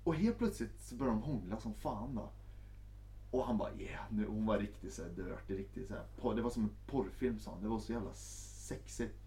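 A man telling a story in a casual chat and acting out the people in it. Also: fairly low pitch. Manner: animated, acts out every character.

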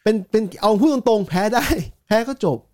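A man talking football on a podcast, rattling along at a fast clip with a slightly raised pitch. He is animated and laughs often, in loose casual chat with a friend. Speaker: podcast co-host.

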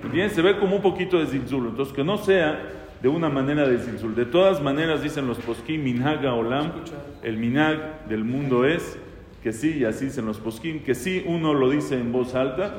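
A rabbi teaching a casual lesson on prayer law, talking conversationally, asking questions and quoting prayers aloud. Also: male voice, mid-range voice, normal speed, a little hiss or hum. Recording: echoey hall with faint ambience.

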